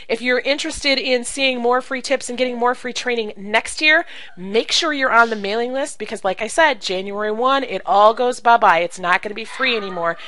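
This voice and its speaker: A woman coaching direct sales in an animated, emphatic way, acting out phone calls as she teaches. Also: on the high side, no echo, poor audio. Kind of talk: coaching video talk to camera.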